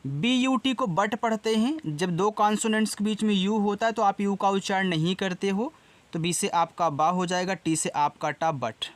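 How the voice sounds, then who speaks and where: A man with a high-pitched voice and a Hindi accent casually teaches an English lesson with no echo. He goes slowly, spelling each word out letter by letter and then repeating it.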